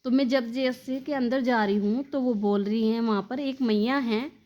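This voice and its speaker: A woman narrating a devotional story in a slightly high voice. She speaks fondly and directly to her listeners as dear devotees, in a plain storytelling manner. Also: fairly even intonation, normal speed, a little mellow, highs cut off.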